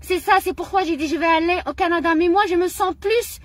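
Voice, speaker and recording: A woman's voice: very high-pitched, a little fast. A middle-aged woman from Morocco, speaking in an impassioned personal monologue, indignant and emotional, often repeating her phrases. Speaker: vlogger.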